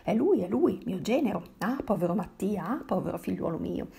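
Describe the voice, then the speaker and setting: A woman reading aloud, voicing a scheming older widow who loudly mourns her son-in-law with mock wailing. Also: mid-range voice, very animated, a little fast, gravelly. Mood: mock grief.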